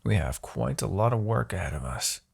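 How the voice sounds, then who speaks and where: In this fantasy ASMR roleplay, a man plays a full-voiced demon king, low and gravelly, smugly seductive as he taunts and manipulates like a tyrant. He speaks at a moderate pace in a sing-song, theatrical manner, stretching words out with condescension and a coaxing tone.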